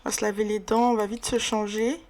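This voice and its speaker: A woman talks her way through a playthrough in a relaxed, slangy manner. Her voice sits at an ordinary middle pitch, and she fills pauses with hesitations as she goes. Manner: slangy, chatty, many fillers. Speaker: game narrator. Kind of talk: casual let's-play narration.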